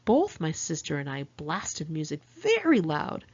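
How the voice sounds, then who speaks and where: With a low, husky, slightly mellow voice, a middle-aged California woman narrates her memoir in the first person, her pitch swinging widely at a measured pace. She's candid and wry with sardonic asides, and the audio is dull.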